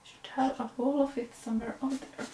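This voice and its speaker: A Finnish woman with a Finnish accent hosts a knitting podcast, chatting casually in a show-and-tell way with frequent fillers and self-corrections. Her voice is high-pitched with little pitch movement and a quick pace, recorded in an echoey room with background noise.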